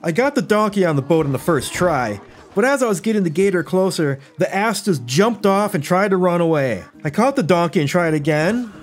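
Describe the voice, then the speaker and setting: A man's voice: sits high, expressive, fairly quick. A man narrating gameplay from a script as a YouTuber, with wry, self-deprecating storytelling. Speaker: gaming YouTuber.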